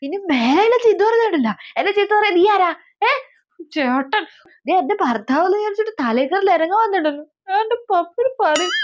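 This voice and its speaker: A woman's voice: very high-pitched, no room sound. A woman playing a spoiled young newlywed who keeps threatening to tell her father. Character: pampered young bride, spoiled daddy's girl. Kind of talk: comedy skit acting. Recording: slightly dull lo-fi audio.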